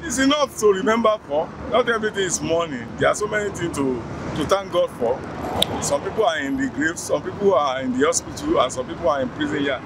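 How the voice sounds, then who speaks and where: A Nigerian man in his fifties answers a street interviewer by a busy road. His voice sits a little high and he talks in a reflective, preachy way, circling back to the same points. Heavy traffic noise fills the background. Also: animated, a little fast. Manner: reflective, preachy, repeats phrases. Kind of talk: vox pop answer. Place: roadside outdoors near a church.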